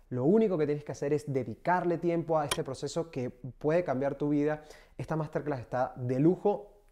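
A man speaking as a career coach in an energetic video tutorial, stressing points by repeating words and speaking straight to his viewers. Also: medium pitch.

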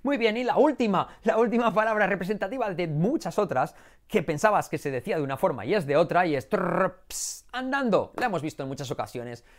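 Lively man drilling English pronunciation. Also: sits high, quick pace. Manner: animated, jokey, sings snippets and repeats words in drills. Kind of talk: playful video lesson.

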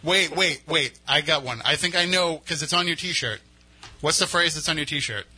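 Very bright, higher-pitched male radio host. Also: moderate pace, breathy edge. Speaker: radio host and paranormal lecturer. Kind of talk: casual talk-show chat.

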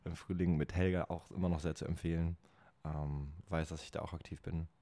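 Casting: man, podcast host, very deep mellow voice, laid-back, lots of ums. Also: a little fast. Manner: relaxed, hesitant, many ums. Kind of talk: casual podcast interview.

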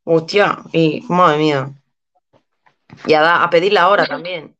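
A woman's voice: low voice, fairly even intonation, unhurried, a bit bright, dull audio. A woman hosting a podcast, chatting playfully and laughing often while trying out Basque phrases. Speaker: podcast host. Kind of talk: casual chat, learning Basque phrases.

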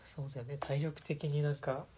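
A woman with a very deep voice hosts a casual chat over clear background noise. She is encouraging and murmurs agreement often. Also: flat delivery, fairly quick, warm tone. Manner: encouraging, frequent agreeing backchannels. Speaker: host asking questions.

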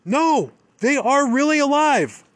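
A man voicing a female park ranger who shouts urgently over helicopter noise. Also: very high-pitched, sing-song, slow, pitched above the performer's own voice, exaggerated voice.

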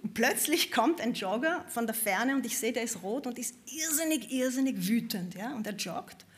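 A woman from Vienna with a Viennese accent, telling lively anecdotes as a guest musician and laughing often. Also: a little high, moderate pace. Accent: Viennese German. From Vienna, Austria. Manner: animated, expressive, laughs often while telling stories.

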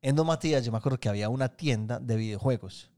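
A man with a Colombian Paisa accent, a podcast co-host telling childhood stories in casual chat, animated and full of slang and swearing. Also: mid-range voice, fast talker. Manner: animated, slangy storyteller who swears freely.

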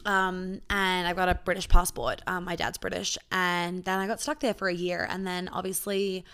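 A young woman, born in Australia and raised in New York, Sydney and Melbourne, hosts a casual solo podcast as an intimacy coach, candid and chatty, swearing freely and saying "like" constantly. Her voice is low-ish, clear and resonant with a sharp tone, delivered flatly at a moderate pace.

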